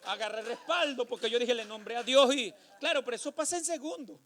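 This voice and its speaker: A man preaching a sermon, telling a personal testimony and calling listeners brother, building to drawn-out shouted exhortation. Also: extremely high pitch.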